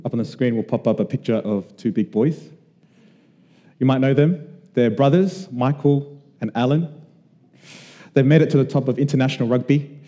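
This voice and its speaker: A man from Australia preaching a sermon to a congregation, earnest and conversational with emphatic pauses. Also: mid-range voice, warm tone, big-room sound. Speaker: pastor.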